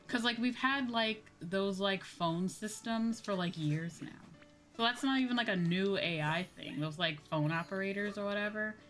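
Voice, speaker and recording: A woman VTuber chats casually on a livestream while gaming, speaking at medium pitch and a moderate pace in a slightly bright voice. She's blunt, swears freely, and repeats her points for emphasis. Soft music plays in the background.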